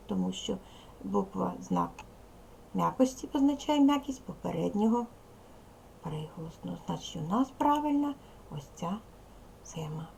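A woman teacher leading a lesson for young children, speaking slowly and repeating key words. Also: a little high, creaky, mellow, slight background noise. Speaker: primary school teacher. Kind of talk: teaching a second-grade language lesson.

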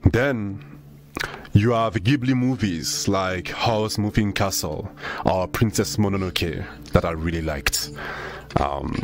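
A young VTuber streamer from Senegal who was raised in France chats casually with his viewers, laid-back and slangy, swearing freely. He speaks slowly in a low voice.

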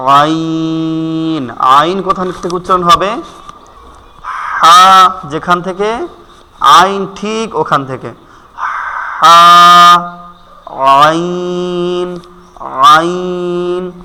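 A man teaching Quran pronunciation, speaking slowly and deliberately and drawing out each letter sound as he repeats it. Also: sits high, sharp tone, in a large hall. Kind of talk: spoken pronunciation lesson.

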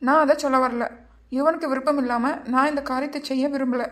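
Cartoon husband, young and irritable; high voice, firm delivery. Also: female voice, steady tone, fast, a bit bright. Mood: stern. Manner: firm, scolding, then teasing. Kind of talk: cartoon voice acting.

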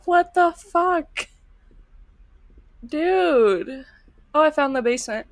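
Young female streamer, casual horror game chat, giggly and reactive, high voice with some creak. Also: expressive, slow pace, dry recording. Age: young adult. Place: small indoor room at home, streaming setup. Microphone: microphone on a boom arm, close.

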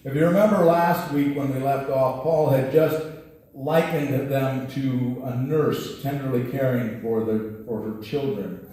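This warm, mid-range voice belongs to a middle-aged man preaching from a pulpit in a church sanctuary, speaking a little slowly. He's a pastor using a headset mic, and his conversational delivery restarts often. Roomy echo fills the sound, with a distant-mic quality.

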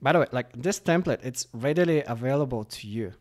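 A man casually walking through a software demo, chatty and full of fillers like "like" and "uh". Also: medium pitch, expressive, a little fast. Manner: chatty, lots of fillers, reads chatbot replies aloud. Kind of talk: casual screen-recorded product walkthrough.

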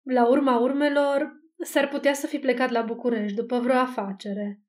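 A portly, self-important older man speaks in a pompous, measured way. The woman narrating plays him close to her own fairly high voice. Rather than acting him fully, she keeps the figure plain. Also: steady tone, a little mellow, close to an everyday voice. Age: 60s.

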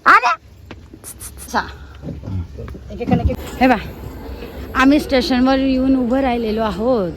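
A woman's voice: high voice, slow, pauses often. A woman chatting to her viewers in a casual travel vlog, filmed on a phone at a train station. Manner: chatty, addresses viewers directly. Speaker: family vlogger. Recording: crowd and traffic noise behind. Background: bustling crowd and vehicle noise.

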